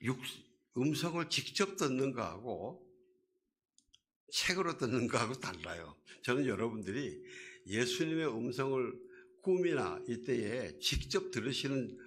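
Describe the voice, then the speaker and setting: A man's voice: mid-range voice, big pitch swings, unhurried, fairly bright tone, slight background noise. A man preaching a sermon as a pastor, in a conversational way that asks the congregation questions and acts out quoted voices.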